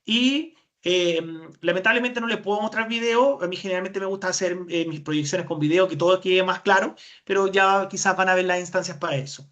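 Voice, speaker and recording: A woman's voice: on the low side, fairly even intonation, fairly quick, a bit bright, lo-fi sound. Chilean woman lecturing in a webinar. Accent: Chilean Spanish. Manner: explanatory, asks and answers her own questions. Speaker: speech therapist presenter.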